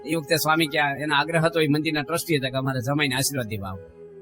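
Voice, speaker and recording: Racing along over music, a middle-aged monk speaks in a fairly high voice. He weaves stories into his sermon, voicing the quotes like a performer and letting his pitch climb and fall.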